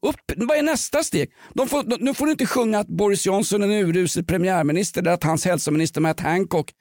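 A man's voice: sits high, a little mellow, no room sound, studio quality. A man co-hosting a podcast in casual chat, ranting sardonically and joking. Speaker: podcast co-host.

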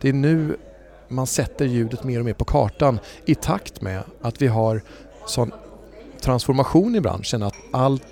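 A voice agency head who also does voice-over answers interview questions thoughtfully in a conversational interview, often using fillers and restarting sentences. His medium-pitched voice is mellow and animated, with some vocal fry.

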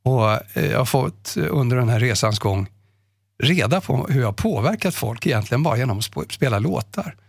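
Emotional gravelly-voiced male radio host. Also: mid-range voice, lively intonation, no room sound, studio quality. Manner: emotional, acts out quoted callers in his retelling. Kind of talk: conversational storytelling.

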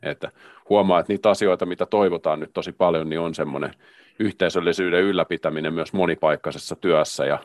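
A man co-hosting a podcast, speaking in a measured, hedging way in a casual discussion about work. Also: deep voice, fairly even intonation, dry recording, clean studio sound. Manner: measured, hedging, many restarts. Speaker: podcast co-host.

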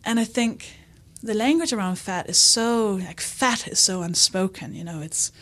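Woman, comedian and author, interview guest, candid, animated, mid-pitched voice. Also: moderate pace. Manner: candid, animated, quotes herself and others. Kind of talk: conversational interview.

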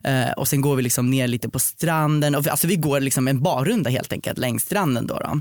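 A man's voice: no room sound, studio quality. A young man telling a long personal story in a casual podcast chat, rambling with many fillers and acting out what people said. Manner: rambling anecdote, many fillers, quotes people with raised pitch. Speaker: guest storyteller.

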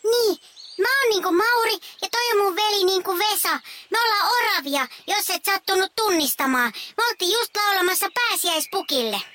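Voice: very high-pitched, pushed and bright, a little hiss or hum. An actor voicing a chatty little boy squirrel in a children's audio story, eager and rambling. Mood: excited. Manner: eager, rambling, full of fillers.

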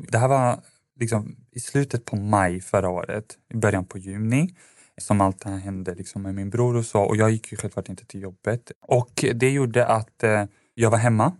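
A man's voice: lowish voice, no echo, studio quality. A man, a podcast guest, telling a personal story in a casual, rambling way with lots of fillers and restarts.

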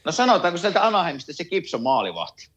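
A man's voice: fairly high pitch, sing-song, fairly bright tone, dull audio. A man from Finland living in America, chatting casually about hockey and telling stories with laughter. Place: home in America.

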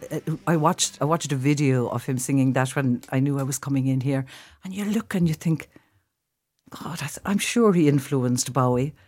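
On the radio, the Limerick-born actress and director speaks in her local Irish accent, reminiscing casually and thoughtfully and repeating phrases as she gropes for the right words. She has a rumbling low voice, a little mellow, at a moderate pace.

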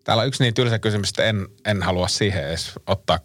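A man's voice: lowish voice, fairly bright tone, no room sound. A man co-hosting a casual podcast, swearing freely and laughing often as he reads out listener questions. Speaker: podcast co-host.

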